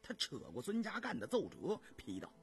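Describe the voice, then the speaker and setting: A man narrating a historical novel in a measured, vividly expressive storytelling style. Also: sits high, soft background music.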